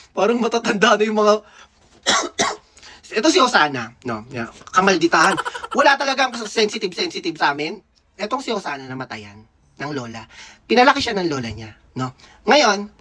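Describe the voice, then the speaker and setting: A man in his thirties from the Philippines tells a childhood story in a casual, gossipy way. His pitch swings widely and expressively from line to line. He sounds playful, teasing and at ease. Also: a bit bright. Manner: gossipy, playful, laughs often. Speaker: dentist vlogger.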